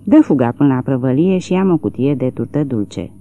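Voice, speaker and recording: A woman voicing a weary male horse trader whose hoarse voice stays calm and even. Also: mid-range voice, phone-quality sound, natural voice. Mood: flat, calm.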